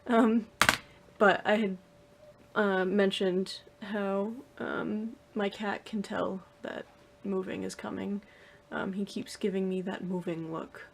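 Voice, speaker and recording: A woman's voice: medium pitch, level tone, slow pace, gravelly. A young woman talking casually to the camera in her room at home, rambling with lots of fillers and restarts. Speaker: vlogger. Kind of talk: casual vlog talk to camera.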